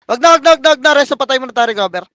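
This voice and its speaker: A man calling shots for his team in live game voice chat, barking rapid commands and countdowns and swearing. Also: extremely high pitch, expressive, sharp tone, smooth, no room sound. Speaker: team shotcaller.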